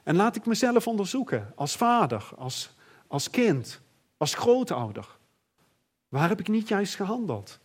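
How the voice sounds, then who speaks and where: Male preacher, middle-aged, slightly high, husky voice, earnest and reflective delivery. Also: sing-song, a little slow. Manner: earnest, reflective, with many fillers and restarts. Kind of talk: sermon.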